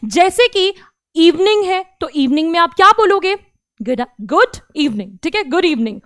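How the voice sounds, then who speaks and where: A woman teaching French to children in an online class. She repeats each word slowly and speaks to the children directly. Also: extremely high pitch, animated, a bit bright, dry recording, studio quality. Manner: slow, drawn-out repetition of each word.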